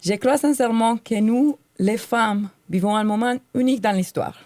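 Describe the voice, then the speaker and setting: A Colombian woman in her forties, with a light Colombian Spanish accent, co-hosts a podcast and reads earnestly and heartfeltly from prepared notes. Her voice is slightly high and a little mellow, moving at normal speed, captured in a dry recording.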